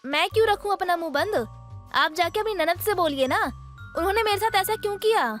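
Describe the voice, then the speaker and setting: Combative young daughter-in-law, piercing high voice, light music behind. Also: female voice, a little fast, fairly bright tone. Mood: angry. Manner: shrill, combative, taunting. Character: quarrelsome young daughter-in-law who makes scenes. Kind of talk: animated cartoon voice acting.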